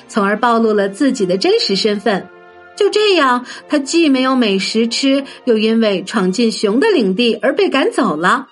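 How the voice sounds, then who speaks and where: A woman narrating a children's story in a gentle, sing-song manner, addressing young listeners. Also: fairly high pitch. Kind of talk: scripted bedtime story narration. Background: soft background music.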